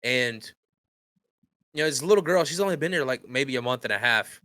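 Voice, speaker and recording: A man's voice: medium pitch, normal speed, no echo. A man co-hosting a podcast, telling work stories in casual chat and acting out the angry customers. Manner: animated storyteller, acts out angry customers. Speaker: podcast co-host.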